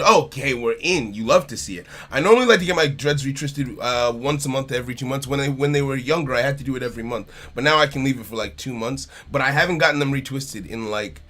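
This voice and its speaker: A man's voice: mid-range voice, a bit bright. A man streaming a card game live, chatting casually and greeting viewers by name while repeating his phrases.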